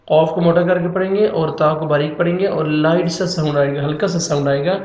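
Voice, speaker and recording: A man's voice: fairly high pitch, darkish tone, echoey room, highs cut off. A man giving a Quran reading lesson, patiently spelling out letters and vowel marks syllable by syllable. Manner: patient, instructive, drills syllables one by one. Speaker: Quran teacher.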